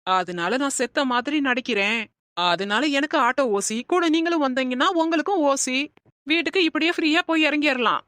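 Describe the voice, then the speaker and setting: A high-pitched, earnest young woman in a cartoon comedy. She is naive and full of schemes, pleading and eager. The sound is dry and close. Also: lively intonation, brisk, a bit bright, dry recording. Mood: scheming. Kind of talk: animated comedy voice acting.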